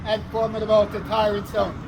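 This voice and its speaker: A man playing a town crier, delivering a formal proclamation in deliberate, declamatory short phrases, outdoors. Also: high-pitched, completely flat delivery. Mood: solemn, proclaiming. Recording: outdoor recording with faint traffic noise.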